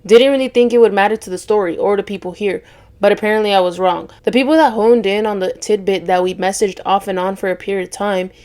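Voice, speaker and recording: A woman's voice: mid-range voice, fast, a little mellow. A woman reading online stories aloud as a storytime host, breaking in with blunt, sarcastic asides.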